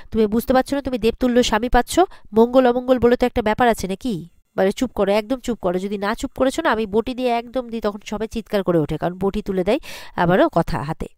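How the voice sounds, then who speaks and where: A woman's voice: mid-range voice, a little mellow, no room sound, clean studio sound. A woman casually recapping a TV serial episode, retelling scenes and reading out the characters' lines with filler sounds.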